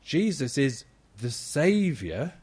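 Husky, animated man giving a children's talk. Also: fairly high pitch, slow pace. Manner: animated, acts out shouting for help.

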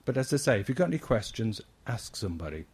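A man giving a lively children's talk in church, acting out his points with big shouts and questions. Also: lowish voice, quick pace, slightly rough. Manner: animated, acts out shouting for help.

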